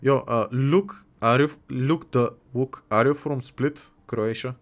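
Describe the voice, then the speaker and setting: In a casual livestream, a young man from Bulgaria, Bulgarian his first language, reads chat messages aloud and reacts with jokes and easygoing talk. He speaks in a mid-range voice at a measured pace.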